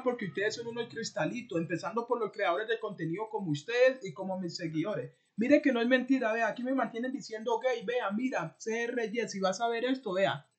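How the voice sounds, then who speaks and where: A man, reacting defensively on his own stream, repeating the other streamer's name and flaring up loudly at times. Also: very high voice. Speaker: streamer reacting to a video about himself. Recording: dull lo-fi stream audio.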